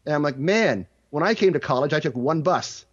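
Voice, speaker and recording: With a fairly high voice, lively intonation, and a fairly quick pace, a man recounts anecdotes as an interview guest and leadership mentor. He tells stories conversationally and voices the dialogue within them, though the audio sounds dull.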